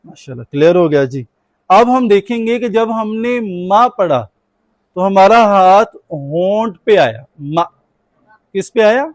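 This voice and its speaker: A Quran teacher patiently questions his class and has the students answer back in call-and-response. His high voice is animated and a little slow, and the recording has no echo.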